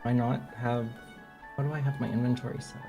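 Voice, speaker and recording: A man casually improvising as a tabletop player, haltingly feeling out each action. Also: medium pitch, level tone, creaky, over music. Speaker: tabletop role-playing player. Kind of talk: casual improvised game chat.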